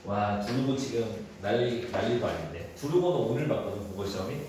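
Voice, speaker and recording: A man teaching a high school Korean class, talking casually through exam questions and thinking aloud. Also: lively intonation, fairly quick. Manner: casual, thinks aloud, acts out quoted dialogue in a raised voice. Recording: echoey room with faint noise.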